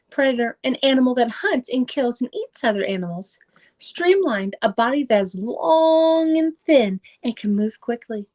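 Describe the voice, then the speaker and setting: As a children's read-aloud presenter, a middle-aged woman works carefully through a nonfiction book, pausing for simple explanations aimed at young listeners. She speaks in a fairly high, slightly mellow voice.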